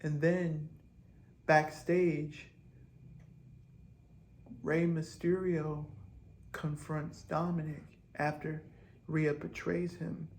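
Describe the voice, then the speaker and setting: Slow-talking man pitching wrestling storylines. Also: little pitch movement, vocal fry, darkish tone, a little hiss or hum. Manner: rambling, speculative, hesitant restarts. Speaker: host. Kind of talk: wrestling fantasy-booking commentary.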